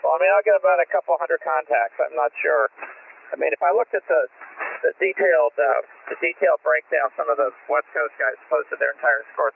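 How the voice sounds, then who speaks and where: A man with a gravelly voice, checking in on a radio net and rambling hesitantly. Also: medium pitch. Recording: tinny radio transmission with hiss.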